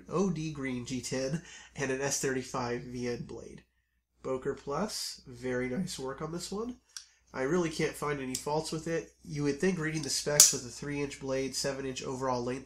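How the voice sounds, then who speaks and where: A man who is under the weather talks through a knife review in a relaxed, chatty way. His voice is hoarse and scratchy, and he restarts phrases now and then with an um. His pitch sits in a middle range. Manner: relaxed and chatty, with frequent ums and self-corrections. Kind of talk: casual product review to camera.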